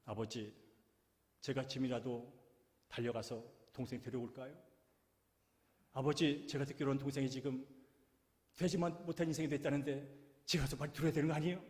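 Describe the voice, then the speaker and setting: A man's voice: medium pitch, steady tone, fairly quick, long pauses, in a large hall, lightly acted. A man voicing a resentful, hardworking elder son who is jealous of his brother, in an indignant, accusing manner. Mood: eager. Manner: indignant, accusing, rising to shouts.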